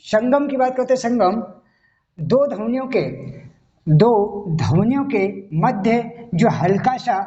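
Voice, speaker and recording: Speaking slowly in a very high-pitched, expressive and mellow voice, a man gives a Hindi grammar lesson in classroom-style video form. He moves step by step and often checks the listener is following, and the recording is dull and lo-fi.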